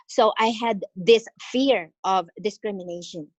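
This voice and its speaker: A Filipina woman from the Philippines speaks slowly and earnestly on a video call, an exchange teacher giving a motivational presentation about her experience in an online meeting. She is encouraging, with frequent pauses and fillers. Her voice is medium-pitched and the recording is dry.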